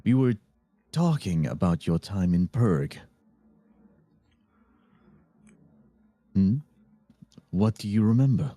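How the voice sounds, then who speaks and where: A man voicing a suave, low male demon suitor. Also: animated, a little slow, warm tone, dry recording. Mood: courtly. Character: smooth young male demon suitors from a romance game. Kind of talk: live reading of game dialogue.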